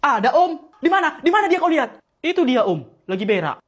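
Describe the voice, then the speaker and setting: High-voiced woman. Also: very animated, background noise. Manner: switches quickly between comic characters. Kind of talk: comic sketch acting.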